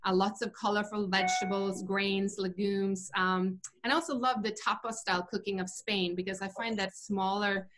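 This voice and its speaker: A woman's voice: medium pitch, fairly even intonation, moderate pace, hardly any pauses, a bit bright. A woman in her forties talks as an interview guest over a video call from home. She speaks thoughtfully, circling back with fillers and restarts as she explains her views. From Norway. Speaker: guest, vegan chef. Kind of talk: casual interview talk. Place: home room indoors.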